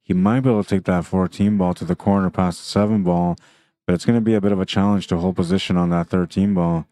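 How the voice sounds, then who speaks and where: Male livestream pool commentator: low, even delivery, talks through shots casually. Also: fast. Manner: chatty, thinks aloud about shots.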